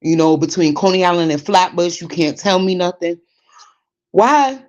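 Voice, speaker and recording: A woman in her forties with a Brooklyn New York accent, hosting a podcast in casual chat, animated, laughing often and digressing. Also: fairly low pitch, moderate pace, highs cut off. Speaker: podcast host. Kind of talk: casual chat reading listener comments.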